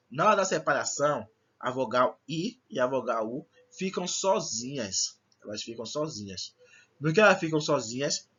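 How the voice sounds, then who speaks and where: A man's voice: fairly high pitch, fairly bright tone, breathy edge, lo-fi sound. A male teacher giving a recorded lesson, explaining patiently and checking in with frequent questions to the class. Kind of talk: recorded online Portuguese lesson.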